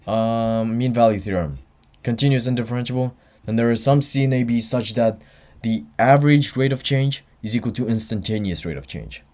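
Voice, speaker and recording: On a livestreamed exam review, a tired young man acting as student tutor explains material and responds to chat between points, sounding offhand. He has a medium-pitched, darkish voice and talks a little fast.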